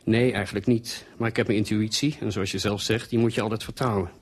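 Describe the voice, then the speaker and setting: A man's voice: on the low side, fairly even intonation, fast talker, lightly acted. A man doing an earnest, suspicious husband. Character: anxious middle-aged husband, earnest and suspicious. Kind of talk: storytelling reading.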